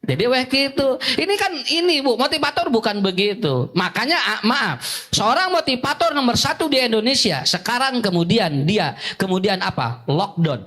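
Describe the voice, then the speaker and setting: A man's voice: very high-pitched, big pitch swings, normal speed, pushed and bright. A middle-aged man with a Sundanese accent giving a sermon to parents, acting out little parent and child dialogues. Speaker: preacher.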